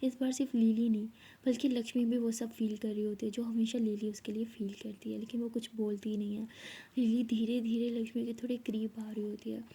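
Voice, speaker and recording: A young woman narrating a love story in a casual way, speaking the characters' lines herself and often dropping to a soft whisper. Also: fairly high pitch, little pitch movement, brisk, husky. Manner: acts out both girls' lines in her own voice, often whispering softly.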